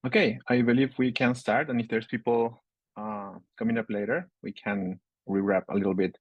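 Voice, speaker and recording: A man's voice: fairly low pitch, steady tone, normal speed, slightly rough, dry recording, lo-fi sound. A man with a Chilean accent moderating a panel discussion, hesitating often with ums. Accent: Chilean Spanish.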